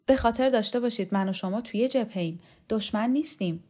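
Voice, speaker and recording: A woman's voice: on the high side, a little mellow, pitched above the performer's own voice, close to an everyday voice. A woman reader voicing a sardonic woman veteran of the movement in an audiobook, speaking dryly. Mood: reassuring. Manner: dry, mocking.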